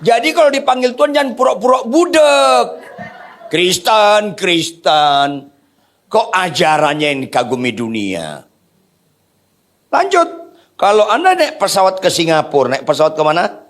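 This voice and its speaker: A man's voice: high-pitched, big pitch swings, unhurried, a bit bright. A man preaching a sermon to a congregation, joking in casual slang and quizzing his listeners with questions. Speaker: pastor.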